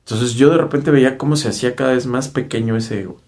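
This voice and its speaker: A man's voice: mid-range voice, quick pace, a little mellow. A man with a Mexican accent earnestly recounting a personal spiritual experience, often checking in with his listeners with tag questions. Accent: Mexican Spanish. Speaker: spiritual speaker. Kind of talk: personal storytelling monologue.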